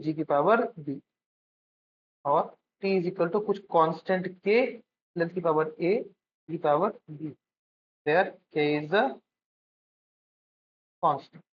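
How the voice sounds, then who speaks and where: A male physics teacher giving a lecture as he writes out a problem, often asking a question and answering it himself, checking in with his students and calling them by a fond term. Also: sits high. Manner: calls students "beta" affectionately. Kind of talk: classroom-style lecture while writing out a problem. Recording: dull lo-fi recording with faint noise.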